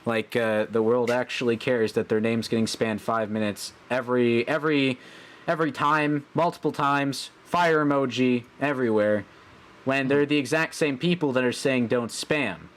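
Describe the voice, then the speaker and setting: A man's voice: mid-range voice, fairly even intonation, normal speed. A man on a live stream pressing the server owner with pointed questions about the staff.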